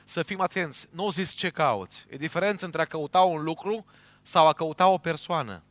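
A man preaching a sermon in a church, emphatic, swinging between loud and quiet and often checking in with his listeners. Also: fairly high pitch.

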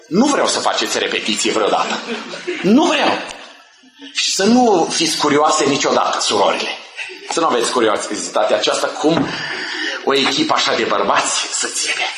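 A man preaching a sermon in an emphatic, jokey way, often rising to a shout. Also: a little high, reverberant. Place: church hall.

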